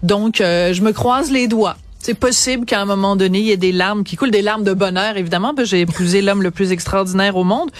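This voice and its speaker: A woman's voice: mid-range voice, dry recording. Effusive Québécois woman radio host, dry close studio sound. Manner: chatty, effusive, personal asides. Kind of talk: radio interview.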